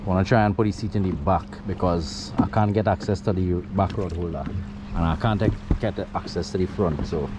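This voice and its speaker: Out on the water in a kayak bay, an outdoors vlogger with a Trinidadian accent talks casually to his viewers in a low voice, fairly quickly. The handheld action camera picks up heavy background noise.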